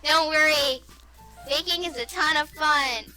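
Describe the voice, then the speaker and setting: A woman's voice: sits high, measured pace, sharp tone, soft background music, full character voice. A woman voicing a bossy teenage girl who gives blunt, grudging encouragement, read aloud from a visual novel.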